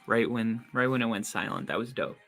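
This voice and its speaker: A young man hosting a casual live football watch-along podcast, chatty and excitable, saying he is losing his voice. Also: lowish voice, brisk, vocal fry, loud music behind the voice. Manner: chatty, excitable, rising to loud disbelief at plays. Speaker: podcast host doing live game watch-along commentary. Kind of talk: casual play-by-play chat.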